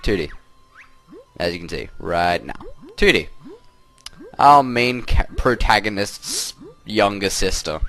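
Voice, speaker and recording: A man's voice: fairly low pitch, expressive, unhurried, few pauses, a bit bright. A young man doing casual, rambling let's play commentary, often cutting himself off. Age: young adult. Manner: rambling, self-interrupting, chuckly.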